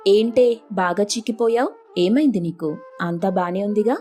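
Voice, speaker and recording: A woman's voice: mid-range voice, moderate pace, warm tone, soft background music, lightly acted. A woman voicing an arrogant, bossy rich elder sister who brags and sneers at the poor. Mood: boastful. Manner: haughty, boastful and scornful.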